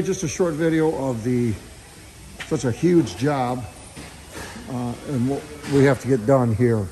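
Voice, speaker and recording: Showing off his auto body shop, the owner chats casually and leans on lots of fillers. His voice is medium-pitched with a dark tone. It's shot on a handheld phone, with a bit of hiss or hum audible.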